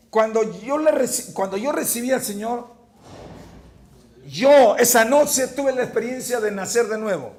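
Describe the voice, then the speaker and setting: In a church, a male pastor with a high-sitting voice preaches fervently. He shifts from hushed storytelling to shouted points, often repeating words.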